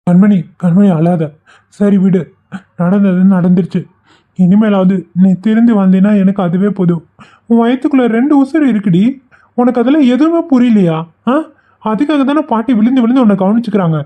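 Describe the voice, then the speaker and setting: A woman voicing a patient young husband in a cartoon who reasons with his wife in a steady way. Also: medium pitch, a little fast, natural voice. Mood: reasoning. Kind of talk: cartoon voice acting. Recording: dull lo-fi sound.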